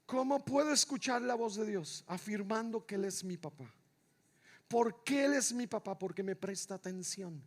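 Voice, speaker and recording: A man preaching a sermon in church, repeating his phrases with passion and swinging from shouts down to near-whispers. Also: very high voice, moderate pace. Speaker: pastor. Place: church sanctuary.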